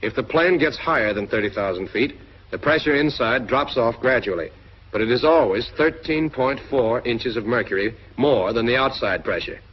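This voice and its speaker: In a dull lo-fi 1940s film soundtrack, a man reads scripted narration for a training film, addressing the listener directly with clear instructions. His voice is medium in pitch and normal in speed, with slight background noise.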